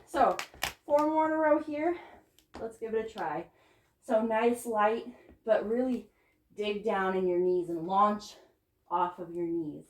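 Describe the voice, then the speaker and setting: Breathless tap teacher counting steps aloud. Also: female voice, medium pitch. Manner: encouraging, counts steps aloud while dancing. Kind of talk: step-by-step dance tutorial. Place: dance studio. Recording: echoey studio with loud background noise. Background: tap shoe clicks.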